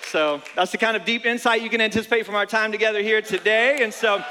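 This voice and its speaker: A man's voice: high-pitched, fairly even intonation, sharp tone, some chatter behind, slight background noise. A man in his forties from North Carolina, a pastor giving a conversational sermon, often repeating words as he goes. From North Carolina, United States. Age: 40s. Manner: halting, repeats words for emphasis. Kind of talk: conversational sermon with personal anecdotes. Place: large church auditorium with PA. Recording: reverberant large hall sound.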